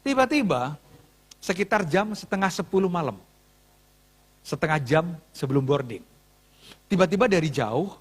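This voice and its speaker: Preacher, male, bright high voice with big swings, acts out every line of dialogue. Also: slightly rough. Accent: Indonesian. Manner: animated, acts out dialogue, jokes with congregation. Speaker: pastor. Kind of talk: sermon storytelling. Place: church hall.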